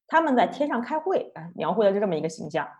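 A woman giving an online lecture, telling a story in a chatty, lively way. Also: mid-range voice, quick pace. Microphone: online talk, computer mic.

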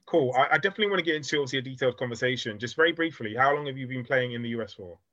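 A man hosting a football podcast, talking quickly and leaning on "obviously" as he asks questions, on a dull, dry recording. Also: mid-range voice, animated, fairly bright tone, dry recording. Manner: fast, leans on "obviously". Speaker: podcast host. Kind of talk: podcast interview.

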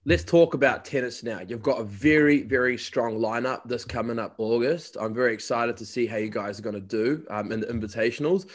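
A man's voice: mid-range voice, a little fast, hardly any pauses. A man from New Zealand with a New Zealand accent, a college recruiter interviewing a guest in a casual, chatty way. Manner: chatty storyteller.

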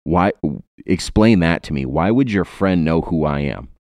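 A man's voice: sits low, expressive, unhurried, a little mellow, dry recording, studio quality. A man in his twenties from Ohio, hosting a podcast in a rambling, joking way with many fillers. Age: 20s. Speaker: podcast host. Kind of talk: casual podcast chat.

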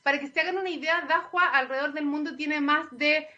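A woman's voice: high-pitched, steady tone, fairly quick, sharp tone, highs cut off. A woman, a marketing manager, giving fluent corporate answers in a radio interview.

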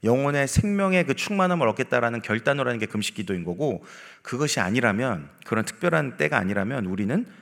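A man's voice: mid-range voice, animated, quick pace, creaky, a bit bright. A man preaching an early-morning sermon as pastor, talking to the congregation in a chatty way and acting out quotes. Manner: conversational preaching with acted-out quotes and asides. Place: church sanctuary. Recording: long hall reverb.

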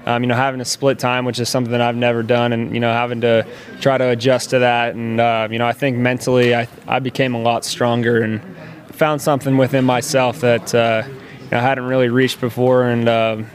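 A man, a college quarterback giving a halting, reflective interview answer. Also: mid-range voice, level tone. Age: 20s.

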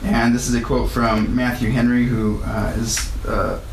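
A pastor preaches in a loose, conversational way, his ordinary mid-pitched voice level and unhurried. When he reads scripture aloud, his emphasis rises. The room echoes, with a faint hum in the background.

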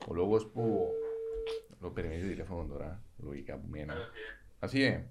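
Man, Cypriot Greek accent, low voice, casual podcast guest. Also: lively intonation, vocal fry, heavy background noise. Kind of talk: casual chat.

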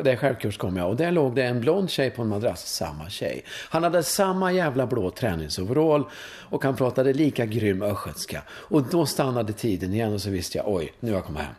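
Interview guest: Swedish man in his fifties, swings his pitch widely, chatty storyteller who keeps checking in with the listener. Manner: animated storytelling, frequent "va?" tags, swearing. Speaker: guest, course leader in sexuality and breathwork. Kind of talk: conversational interview.

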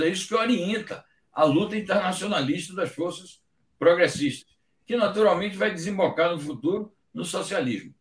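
A man giving measured, emphatic political commentary on a live stream, pausing often with hesitation fillers. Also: high voice. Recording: echoey, distant from the mic.

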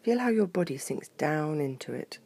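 A woman voicing a kindly old grandmother bear, soft and reassuring, with a husky, low voice. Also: lively intonation, moderate pace, dry recording, heavily acted.

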